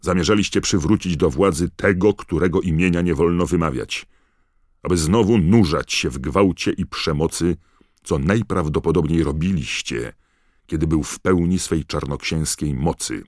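A man's voice: low voice, normal speed, a little mellow, no echo, studio quality, voice pushed up. A man voicing a stern, cold older judge who roars his verdicts in an audiobook. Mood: thundering. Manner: roaring, emphatic pronouncements. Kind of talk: audiobook character voice.

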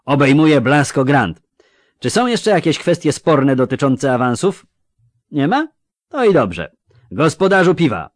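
Man playing a booming gruff dwarf officer. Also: very animated, normal speed, dry recording, clean studio sound, natural voice. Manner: loud, commanding, coarse.

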